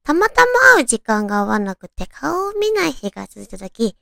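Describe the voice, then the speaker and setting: A woman's voice: fairly high pitch, very animated, brisk, creaky, bright, forceful tone, no room sound, studio quality. A woman chatting casually and girlishly as a solo host, reading out romantic material and adding her own reactions. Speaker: solo host of an audio talk show.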